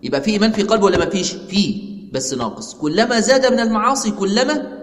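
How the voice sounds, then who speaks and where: A man's voice: high voice, fast. A man with an Egyptian Arabic accent teaching a religious lesson, asking his class questions and answering them himself, repeating the key points. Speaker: sheikh teaching a religious text. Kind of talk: religious lesson explaining a text. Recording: echoey hall.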